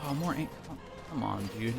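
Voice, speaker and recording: A man's voice: medium pitch, expressive, a little fast, creaky, over music. A man playing a video game and chatting with his co-host, mock-boastful and sarcastic in his jokes. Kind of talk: casual gameplay commentary.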